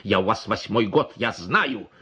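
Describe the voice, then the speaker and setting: A man's voice: lowish voice, animated, a little slow, sharp tone, husky, muffled recording, heavily acted. A man voicing a stern, solemn male village medic who talks bluntly, in an audiobook. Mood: knowing.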